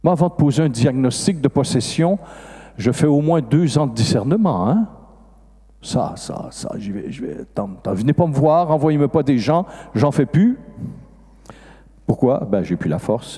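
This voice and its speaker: Older Québécois priest, animated and husky. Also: male voice, moderate pace. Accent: Québécois French. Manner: animated, acts out dialogue with sudden rises in pitch. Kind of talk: storytelling sermon. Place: large festival hall. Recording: long reverb of a large hall.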